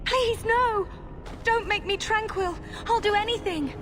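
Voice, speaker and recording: A woman's voice: very high-pitched, expressive, normal speed, fairly bright tone. A woman playing a terrified, innocent young mage girl in a video game, pleading in a tearful, frantic way. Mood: frightened pleading. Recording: noisy game capture.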